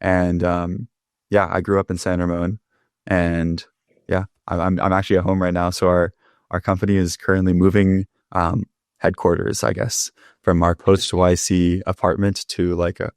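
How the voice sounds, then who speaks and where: A young man from California, a startup founder guest in a casual interview, talking in a relaxed, rambling way with many fillers, calling in from home. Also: low-pitched, moderate pace, smooth, no echo, clean studio sound. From California, Bay Area. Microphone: remote call.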